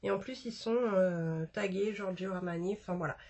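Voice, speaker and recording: A woman's voice: on the low side, normal speed, vocal fry, a little mellow, husky. A woman chatting casually about a makeup haul, with many fillers and restarts. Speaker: beauty vlogger.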